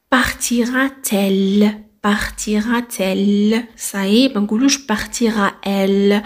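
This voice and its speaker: A woman teaching French grammar, drilling example sentences and repeating words slowly. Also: mid-range voice, a little mellow, breathy edge. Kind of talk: explaining French grammar to learners.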